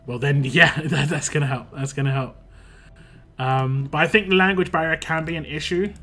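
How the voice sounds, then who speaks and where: His voice is on the high side with a sharp tone. He's a young man with a West London accent, rambling through casual chat while he streams a game, talking fast with lots of restarts and fillers.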